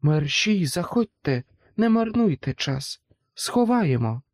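A man's voice: fairly high pitch, expressive, slow pace, mellow, no echo, studio quality. A man voicing a kind female talking poem in a storybook, speaking in lilting verse. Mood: welcoming.

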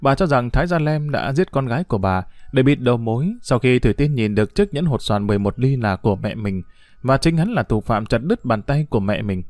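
A man's voice: medium pitch, animated, fairly quick, darkish tone, no echo, clean studio sound. Man narrating a crime novel. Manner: reads dialogue with shifting voices for each character.

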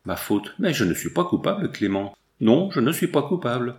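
A man's voice: medium pitch, very animated, moderate pace. A man voicing a wronged, pleading young woman. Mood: distressed. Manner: earnest, insistent denials. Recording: roomy echo.

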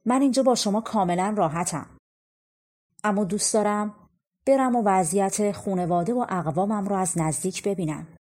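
A woman's voice: mid-range voice, a little mellow, close to an everyday voice. A woman voicing an earnest, homesick young man in a storybook reading. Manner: earnest and eager.

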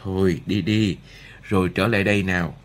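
A man's voice: sits low, fairly even intonation, a little fast, close to an everyday voice. A man voicing a stern but caring old wandering showman in an audiobook, speaking firmly. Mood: earnest. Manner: firm, commanding.

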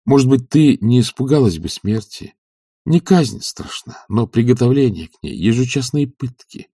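A man's voice: medium pitch, expressive, moderate pace, creaky, dark tone, breathy edge, no echo, clean studio sound, pitched above the performer's own voice. A man reading an audiobook, voicing a brooding young nobleman who speaks earnestly and pleadingly. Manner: earnest and searching.

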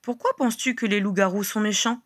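A woman voicing a kindly older male wizard who asks gentle, patient questions, in a storybook reading. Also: mid-range voice, fairly even intonation, a little fast, no room sound, studio quality, natural voice.

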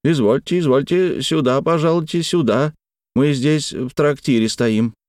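A man's voice: mid-range voice, a little slow, a little mellow, no room sound, clean studio sound, pitched above the performer's own voice, close to an everyday voice. A man reading in a raised voice as an eager, devoted old male servant who repeats his words fussily.

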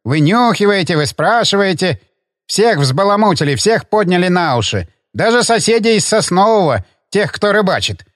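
A man's voice: sits high, big pitch swings, moderate pace, dry recording, studio quality. A man reading an audiobook, voicing a domineering older hotel owner who barks and bullies. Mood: furious. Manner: barking, bullying, shouting.

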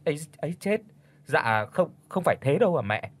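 A man's voice: a little high, very animated, a little fast. A man voicing a meek young daughter-in-law of thirty who stammers politely and pleads. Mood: timid. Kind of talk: audiobook character voice.

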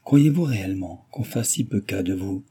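A man reading the lines of a gentle, reserved young heiress in a classic novel, softly spoken. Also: deep voice, lively intonation, normal speed, husky.

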